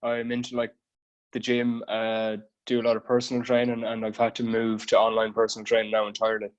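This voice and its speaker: A man's voice: lowish voice, monotone, brisk, lo-fi sound. A man from Galway with a west of Ireland accent, explaining things informally as a guest personal trainer in a casual podcast interview.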